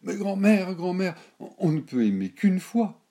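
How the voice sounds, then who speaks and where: Guy doing a startled young girl in a storybook, pitched way up high, pleading and confused. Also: big pitch swings, a little slow, dark tone, exaggerated voice. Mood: dismayed. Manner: pleading, bewildered protests.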